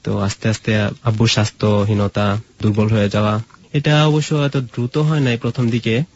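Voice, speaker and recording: An interview guest from Mymensingh, Bangladesh, tells personal stories in casual conversation, speaking at a moderate pace with a lowish voice and level tone. The recording has its highs cut off and a little hiss or hum.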